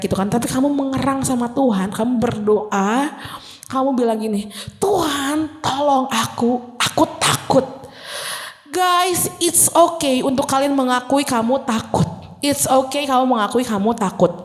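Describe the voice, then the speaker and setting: High-voiced young woman preaching, hall reverb. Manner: chatty, acts out prayers in a high voice. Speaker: youth preacher. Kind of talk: casual youth sermon.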